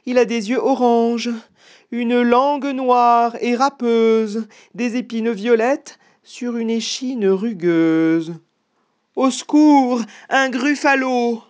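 A storyteller voicing a small, clever, boastful mouse in a read-aloud storybook, speaking in a cheeky, squeaky way. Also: a little mellow, close to an everyday voice. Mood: mock terror.

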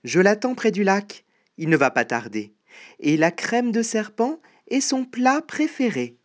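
A storyteller voicing a small, clever, boastful mouse in a read-aloud storybook, speaking in a cheeky, squeaky way. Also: big pitch swings, a little slow.

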